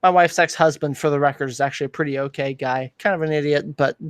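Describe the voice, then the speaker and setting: Higher-voiced man hosting a rambling lore chat. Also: steady tone, fast talker, no room sound, studio quality. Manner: rambling, many fillers and restarts. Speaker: podcast host. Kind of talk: casual chat. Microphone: video call.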